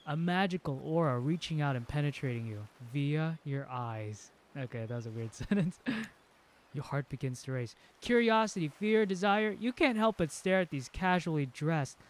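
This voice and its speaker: A young man streaming a game, reading the story aloud and breaking off for joking asides with frequent chuckles. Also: fairly high pitch.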